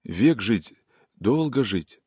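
A man voicing a feverish, weak young man in an audiobook reading, speaking faintly and breathlessly in a hushed voice. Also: fairly low pitch, big pitch swings, takes it slowly, breathy edge, dry recording, clean studio sound, full character voice.

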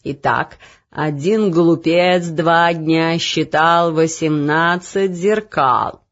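A woman voicing a pompous, self-assured king in a storybook reading, lower and louder than her narration. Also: drawn-out words, highs cut off. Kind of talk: audiobook reading.

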